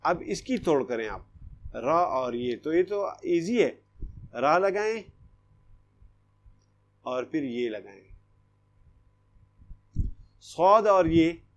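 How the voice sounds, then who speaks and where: A man gives an online lesson to young children in a slightly raised voice. He talks slowly and patiently, repeating each step and stopping to ask whether the class has understood. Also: a little high, lively intonation. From Pakistan. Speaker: primary school Urdu teacher.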